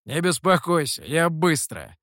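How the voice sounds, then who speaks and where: A man's voice: a little high, very animated, unhurried, a bit bright, no room sound, studio quality. A man voicing a brash, impatient male monkey demon with a cocky, menacing manner.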